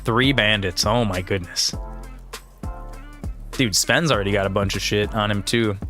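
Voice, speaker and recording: A fairly low-pitched man in his thirties, a gaming streamer and video creator, speaks at a moderate pace in a pushed, bright voice with faint music behind. He rambles casually over gameplay, slangy and exclaiming, often saying "dude."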